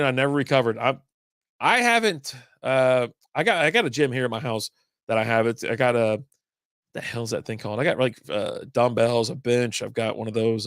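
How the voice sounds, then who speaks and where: A man's voice: on the high side, a bit bright, no room sound, clean studio sound. A middle-aged man hosting a casual livestream chat, rambling along with slang and easy swearing. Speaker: livestream host.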